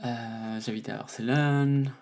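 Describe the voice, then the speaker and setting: A woman, a musician answering interview questions in a halting way, searching for her words. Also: a bass voice, steady tone, darkish tone. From Mexico. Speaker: guest, musician.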